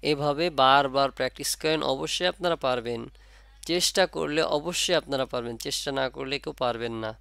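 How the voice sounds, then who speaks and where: A man's voice: mid-range voice, brisk, vocal fry, a bit bright, smooth, no echo. A man with a Bangladeshi Bengali accent teaching Arabic letter pronunciation, patient, repeating points and drawing sounds out to demonstrate them. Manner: patient, repeats and asks the class questions. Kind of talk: Quran letter pronunciation lesson.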